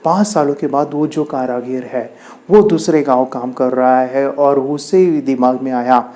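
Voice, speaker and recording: A man's voice: medium pitch, steady tone, a little slow, warm tone. A man coaching a meditation practice, telling a motivational story emphatically, with lots of repetition. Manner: emphatic, repetitive, counting things off. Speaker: meditation and mind power coach.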